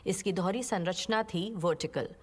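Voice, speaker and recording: A woman's voice: on the low side, normal speed, a little mellow, husky. A middle-aged woman dubbing a blunt, no-nonsense character in a film. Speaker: single woman taking in a child. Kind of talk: Hindi film dub. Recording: film score behind.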